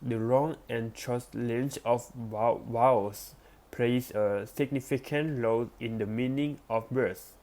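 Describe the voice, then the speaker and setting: A man reading an academic text aloud as a lesson, careful and deliberate, with small restarts. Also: mid-range voice, a little mellow. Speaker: presenter.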